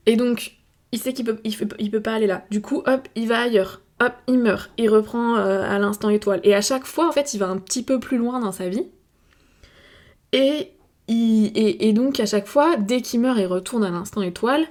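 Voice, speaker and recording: A woman's voice: a little high, normal speed, a little mellow. A woman from France with a French accent, talking casually to her viewers and thinking aloud, with many fillers and restarts. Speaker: video creator. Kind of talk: casual reflective monologue to camera.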